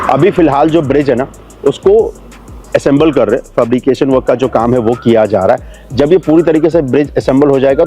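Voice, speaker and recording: A man's voice: mid-range voice, mellow. A man giving casual commentary for his video channel as he drives a new expressway and stops at a building site, explaining things to viewers in a chatty way. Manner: chatty, explains to viewers, calls them brother and friends. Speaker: travel and real estate vlogger.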